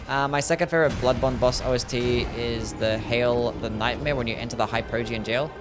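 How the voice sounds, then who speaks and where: A man's voice: medium pitch, steady tone, brisk, music in the background. A young Australian man streaming a game, chatting sarcastically with chat and swearing often. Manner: sarcastic, swears a lot, reads chat aloud. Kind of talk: casual gaming stream chat.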